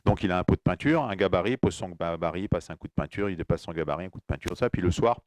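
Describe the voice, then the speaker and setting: A man's voice: sits low, expressive, rapid-fire, darkish tone, no echo. A man telling a string of jokes in a rambling way, with fillers and restarts. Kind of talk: joke telling.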